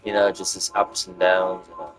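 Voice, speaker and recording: A man in his twenties talking in a casual, reflective monologue, rambling and halting with many fillers and restarts. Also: deep voice, steady tone, soft background music, low-quality recording. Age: 20s. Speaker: gaming video creator.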